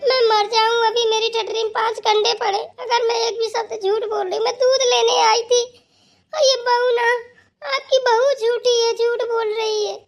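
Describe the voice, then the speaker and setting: A woman's voice: very high-pitched, steady tone, moderate pace, creaky, faint music behind. A woman voicing a gossiping neighbor auntie. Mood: wheedling. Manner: sly, protesting innocence. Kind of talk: cartoon voice acting.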